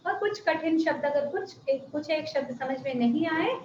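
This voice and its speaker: Woman teacher explaining slow and patient on a video call, high voice, kinda echoey and muffled. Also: expressive, a little mellow, a little hiss or hum. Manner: patient, explains slowly, often asks "ठीक है?". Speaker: Sanskrit teacher. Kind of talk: online class lecture.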